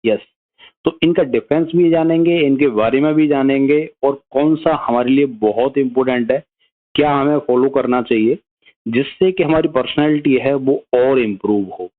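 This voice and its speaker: A man's voice: mid-range voice, normal speed. Man teaching over a tinny line. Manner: conversational, checks in with viewers often. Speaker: teacher explaining psychology. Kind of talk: explanatory video lesson. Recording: narrow phone-like sound.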